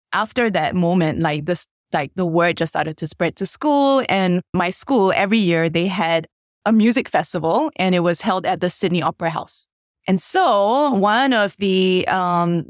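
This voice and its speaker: Lively woman worship leader, low voice. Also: measured pace, dry recording, clean studio sound. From Singapore. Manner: animated, many fillers, pitch jumps when retelling. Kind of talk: podcast interview, personal story.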